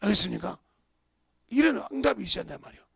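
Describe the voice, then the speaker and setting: A middle-aged male pastor preaching a storytelling sermon, acting out voices and sometimes shouting. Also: high-pitched, lively intonation, rapid-fire, vocal fry, slightly rough, dry recording, studio quality. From South Korea.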